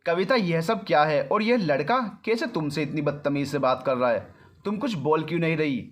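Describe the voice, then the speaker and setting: A man's voice: on the high side, animated, moderate pace, natural voice. A man voicing a stern, protective middle-aged mother in a storybook reading, scolding and demanding answers. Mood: alarmed. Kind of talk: storybook narration.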